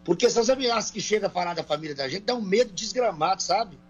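A man's voice: high voice, expressive, quick pace, husky, dull audio. A man from Brazil, a country singer answering interview questions in a folksy, colloquial way over a remote call. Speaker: guest singer. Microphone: remote call, phone or earbuds.

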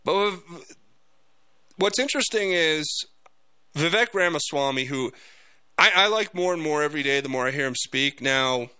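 A man hosting a political talk podcast, speaking off the cuff in a halting but emphatic monologue. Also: a little high, animated, pushed and bright, smooth, no echo.

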